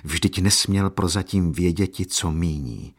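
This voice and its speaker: Low, husky male audiobook narrator. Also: animated. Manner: measured, solemn reading.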